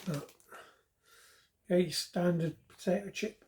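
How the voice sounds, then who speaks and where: A woman's voice: lowish voice, steady tone, takes it slowly, darkish tone. A woman giving a casual, chatty food review, repeating words for emphasis. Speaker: snack reviewer.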